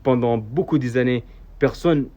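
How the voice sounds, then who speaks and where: Speaking at a normal speed with a warm, medium-pitched voice, a Saudi man whose first language is Arabic leads a casual guided tour in French, his accent clearly Arabic. The local tour guide vlogger hesitates often, using fillers and repeating words. He's outdoors in a historic old town, on dull, slightly noisy audio.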